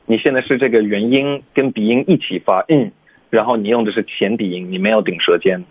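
A male pronunciation teacher on a radio show, correcting students slowly and patiently, drilling single sounds. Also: fairly low pitch, slightly rough, no echo. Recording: tinny phone-line voice.

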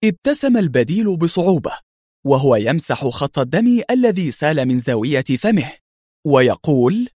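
A man reading a thriller story aloud with dramatic, expressive narration. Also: a little high, normal speed, slightly rough, no room sound, clean studio sound.

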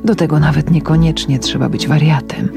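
A woman reading first-person literary prose for radio in a quiet, reflective manner that sinks into whispers. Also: deep voice, steady tone, brisk, gravelly. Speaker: radio reader. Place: radio studio. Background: music.

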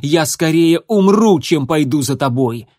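A young warrior tomcat spells out every word clearly, proud and bitter, as a male reader does his voice. His tone is a little higher than the narration. The recording is dry and close. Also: lively intonation, unhurried, darkish tone, no room sound. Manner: clear, emphatic.

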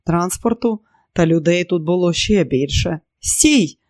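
A man narrating a novel as an audiobook in an even, steady manner. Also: a little high, normal speed, dry recording, clean studio sound.

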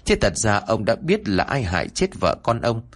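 Man narrating horror story, husky, low, lively intonation, grave. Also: moderate pace.

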